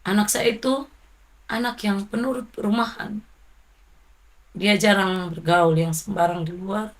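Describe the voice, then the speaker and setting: A middle-aged woman speaks in an interview, her voice soft and grieving. She tells her story in a slow, reflective way, pitched in the middle range for a woman. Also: fairly even intonation. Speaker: interviewee, mother of a fallen soldier. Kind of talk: emotional interview recollection.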